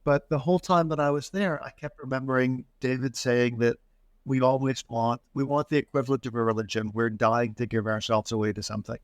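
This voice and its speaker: Author guest in his own voice: a man of middle pitch who rambles, restarts, and jokes at his own expense, recorded dry. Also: flat delivery, a little fast, dry recording. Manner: rambling, self-deprecating, restarts often. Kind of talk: casual interview chat.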